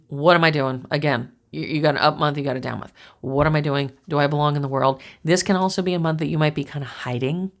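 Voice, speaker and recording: Woman, low voice, casual tarot reader, reassuring, repeats herself; talks straight to her viewers. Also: gravelly. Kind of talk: casual tarot reading monologue.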